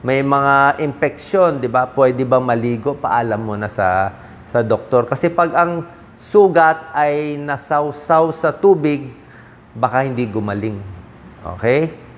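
Man, middle-aged, from the Philippines, doctor, casual health talk, conversational, mid-pitched voice, English medical terms mixed in, frequent tag questions. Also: takes it slowly, a little hiss or hum. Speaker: doctor giving health advice.

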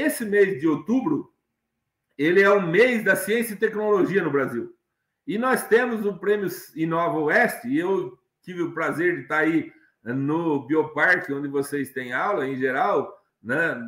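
This is an echoey video-call recording through a webcam of a middle-aged man lecturing as a guest from his home study full of bookshelves. His voice sits high with a fairly bright tone, and he rambles, restarting often and leaning on fillers.

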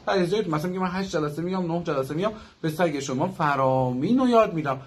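A man's voice: fairly high pitch, breathy edge. A young man working as a dog trainer, giving a chatty instructional talk that runs through examples in long lists.

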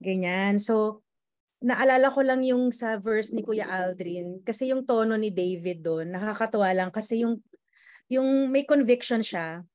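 A woman's voice: mid-range voice, measured pace, a little mellow, no room sound. A woman with a Filipino accent, a prayer group member earnestly sharing a testimony on a video call. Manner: earnest, mixing in English, with restarts.

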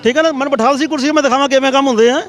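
Middle aged guy venting mad on the street, talks super fast, defiant and loud about it. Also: very high-pitched, fairly even intonation. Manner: angry, ranting, defiant. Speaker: party volunteer. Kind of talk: street interview.

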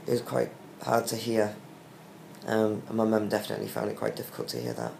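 A young British man, lying in bed in a small hospital room, gives a casual video diary recovery update in a low, creaky, slightly mellow and sing-song voice. Weak and worn out after surgery, he speaks haltingly and subduedly on short breaths. The recording has a roomy echo and faint hiss.

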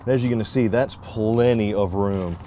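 A man's voice: lowish voice, moderate pace, mellow, a little hiss or hum. A man in his forties giving an upbeat, jokey walkthrough tour of a travel trailer, recorded on a nearby camera inside and around the trailer. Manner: upbeat, jokey salesman patter. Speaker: RV reviewer.

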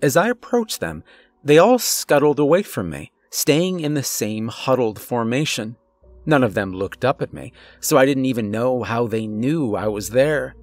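A man reading a first-person horror story in a steady, measured way, pausing tensely between phrases. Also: mid-range voice. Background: faint eerie music.

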